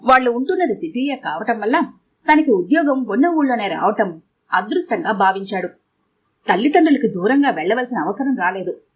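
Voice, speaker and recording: Woman reading a story, fairly high voice. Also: very animated, fairly quick, slight background noise. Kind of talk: scripted audio story narration.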